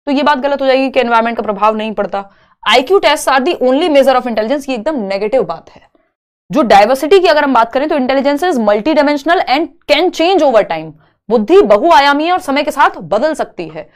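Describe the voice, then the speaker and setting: A woman's voice: sits high, lively intonation, normal speed. A young woman teaches an exam prep class online, walking through questions step by step and answering her own questions. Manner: explains questions step by step, asks and answers herself. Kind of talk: online lecture.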